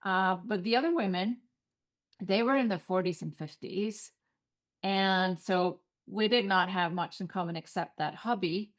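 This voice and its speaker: Appearing as a podcast interview guest, a middle-aged Icelandic-accented woman recounts her story earnestly and unhurriedly in a mid-range voice, now and then using non-native phrasing.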